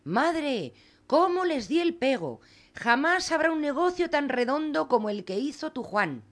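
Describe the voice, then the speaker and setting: A naive peasant boy from a fairy tale, voiced by a woman, eager and easily frightened. His voice is high and jumps around in pitch. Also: very animated, measured pace. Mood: proud.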